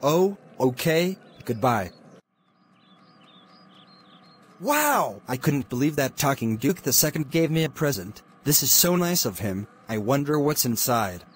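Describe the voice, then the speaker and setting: Brief: computer man voice doing a whiny cartoon cat, flat delivery, mid pitch. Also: moderate pace, few pauses, breathy edge. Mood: delighted. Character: upset young male cartoon cat.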